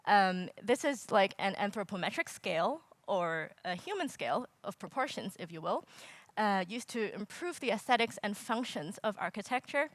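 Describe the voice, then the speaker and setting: A young woman from Hong Kong gives a casual presentation from a lecture hall stage, speaking into a handheld or stage mic. Her medium-pitched voice is captured dry as she explains with frequent fillers and wry, self-deprecating asides.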